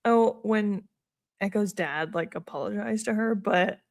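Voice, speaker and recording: A woman's voice: medium pitch, measured pace, gravelly, no echo, clean studio sound. A woman co-hosting a book club chat, laughing often and reading from her notes. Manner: giggly, reads from her notes. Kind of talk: casual chat.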